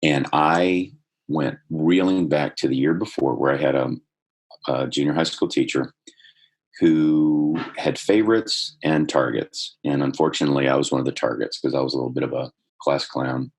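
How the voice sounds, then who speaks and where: A man with an extremely deep voice and a husky edge shares a personal story as a podcast guest. He talks earnestly, with pauses and restarts, and grows livelier as the story builds. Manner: earnest, builds in energy while telling a story.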